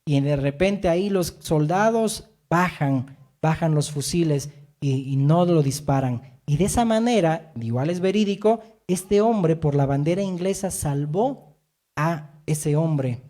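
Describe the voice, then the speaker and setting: A man preaching from the pulpit with a high, mellow voice. He reads scripture and tells stories with emphatic swings, often pausing for an amen. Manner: emphatic preaching, rising and falling, frequent amens. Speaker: pastor. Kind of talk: sermon.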